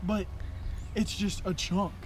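A young man with a fairly high voice, hyped and slangy, chatting about a fish he just landed. He was recorded outdoors on an action camera at a lake. Steady outdoor noise and honking geese run behind his voice. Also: slow. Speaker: fishing vlogger. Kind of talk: excited outdoor fishing chat. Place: lakeshore in woods, outdoors.

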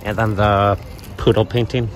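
A man giving casual running commentary while browsing an outdoor flea market, murmuring excited remarks about items and prices, recorded on a handheld phone. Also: on the low side, moderate pace. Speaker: vlogger shopping a flea market. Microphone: handheld phone camera, first-person view. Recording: loud outdoor background noise.

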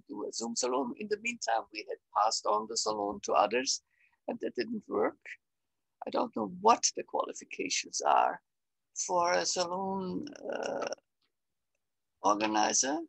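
An older woman with an Austrian German accent talks on a video call. Her voice is gravelly and husky, and the sound is dry and close. She speaks reflectively, often pausing on fillers. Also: mid-range voice, dry recording, poor audio. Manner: reflective, halting with many fillers. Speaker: interview guest, salon organizer. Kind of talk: casual conversation on a video call. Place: bright room at home. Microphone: webcam on a video call.

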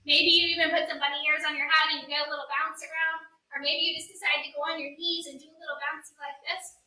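A woman with a very high, bright voice speaks in the manner of a kindergarten teacher. She gives small children simple, encouraging instructions. The sound is roomy, picked up from a few steps away. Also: level tone, fast talker. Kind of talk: kindergarten teacher talk, guiding young children through story yoga. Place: indoor yoga studio room. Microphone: camera mic a few metres away. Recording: roomy, distant camera microphone.

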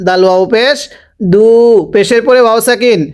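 A man teaching Quran recitation by spelling out each syllable, slowly drawing out the words as he recites them and pausing to explain the rules. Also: high-pitched, clean tone. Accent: Bangladeshi Bengali. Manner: slow, drawn-out recitation of syllables, with instructions in between.

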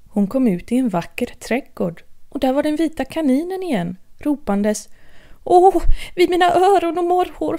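A woman narrating a bedtime story in a lively, expressive reading voice. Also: a little high.

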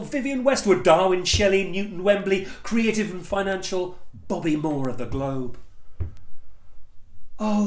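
A performance poet, a man in his fifties with an English accent and a high voice, delivers spoken-word poetry theatrically and emphatically, with deliberate pauses. He's in a small living room indoors, captured by a camera or phone a short distance away, and the room sounds echoey.

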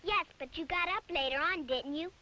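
A woman's voice: moderate pace, sharp tone, slight background noise. An actress voicing a stubborn little girl in a 1950s dubbed film. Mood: insistent. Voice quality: shrill, insistent.

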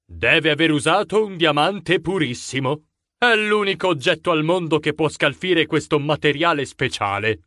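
A man's voice: a little high, animated, moderate pace, pushed and bright, no echo, studio quality. Man doing a solemn museum director.

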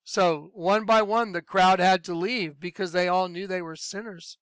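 A man's voice: sits high, fairly even intonation, moderate pace, fairly bright tone, smooth, no echo. A man earnestly telling his personal story as a religious testimony, often acting out what people said. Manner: earnest, acts out quoted dialogue.

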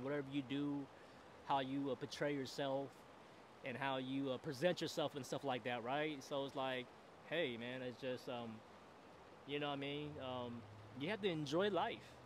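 A man in his forties hosts a solo podcast, speaking at medium pitch and a brisk pace over background noise. He sits in a camp chair in a river, talking into a boom mic on a stand. His casual monologue rambles reflectively, and he keeps saying "you know what I mean."

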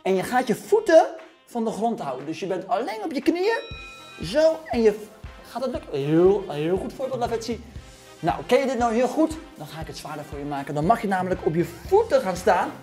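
A man's voice: high voice, sing-song, brisk, a little mellow, soft background music. A man in his thirties coaching a children's home workout, cheering them on and counting down reps while exercising himself and a little out of breath. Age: 30s. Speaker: fitness coach for kids. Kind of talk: energetic workout instruction. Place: gym.

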